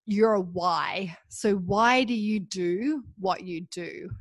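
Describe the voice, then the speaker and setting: Slow, dry-sounding woman podcast host. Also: mid-range voice, no echo. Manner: upbeat, laughs often. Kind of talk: podcast intro and interview. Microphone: remote call from her apartment.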